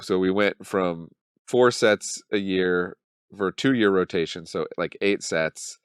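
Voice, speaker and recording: Slow and low, with a clean tone, this man in his thirties hosts a casual commentary channel despite a cold. He thinks aloud in a loose, wry, mock-dramatic fashion, filled with ums. The recording is dry and clean, studio-made.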